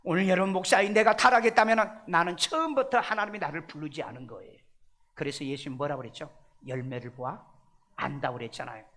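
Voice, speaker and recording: High-voiced man preaching an emphatic sermon. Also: fast talker. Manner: emphatic preaching full of rhetorical questions to the congregation; swings between loud stressed phrases and hushed asides. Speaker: pastor. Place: church sanctuary.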